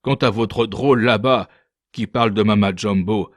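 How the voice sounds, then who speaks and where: A man voicing a brutal, threatening one-handed male sea captain in a storybook reading, speaking loudly and menacingly. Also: lowish voice, fairly even intonation, normal speed, dry recording, clean studio sound, natural voice. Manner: loud, menacing boasting.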